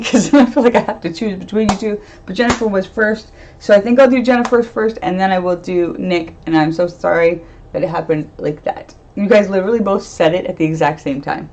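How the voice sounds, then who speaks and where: Over background noise and dull lo-fi stream audio, a woman with a mid-range voice does a relaxed tarot reading live as a medium, chatting away, laughing a lot, and drifting off into fillers.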